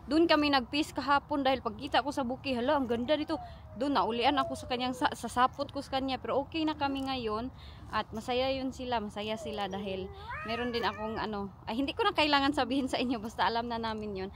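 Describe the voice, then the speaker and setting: Filipino woman vlogger, high voice, chatty and loose, light street hiss behind. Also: fast, a bit bright. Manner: chatty, mixing Tagalog with English, laughs often. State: pregnant. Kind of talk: casual vlog chat.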